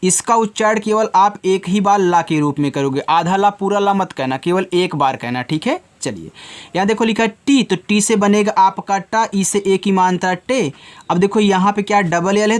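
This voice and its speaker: A man teaching a slow, patient phonics lesson to children, spelling each word letter by letter and addressing the learners as children. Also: high-pitched. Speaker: English teacher.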